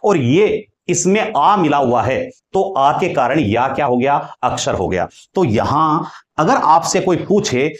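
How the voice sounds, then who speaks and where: A man's voice: a little high, very animated, measured pace, echoey room. A man teaching Hindi grammar in a lecture style, explaining patiently, repeating key points and drawing out sounds as examples while writing on a board.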